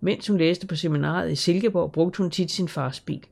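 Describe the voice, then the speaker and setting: A man's voice: on the high side, vocal fry, darkish tone. A kindly narrator reading middle-aged father. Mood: friendly. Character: gentle caring father, middle-aged man. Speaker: audiobook character.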